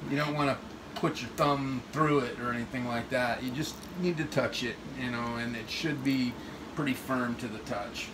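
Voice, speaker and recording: A middle-aged home cook walks through a recipe in his kitchen, rambling a little as he explains each step, in a medium-pitched, steady voice at a moderate pace. This casual cooking demo was filmed on a phone camera across the room, so the sound is echoey, distant, and carries a hum.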